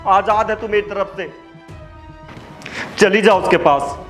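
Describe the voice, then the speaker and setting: A man's voice: sits high, slow, a bit bright, faint music behind. A young man acting as a suspicious husband in a comic skit, accusing and melodramatic.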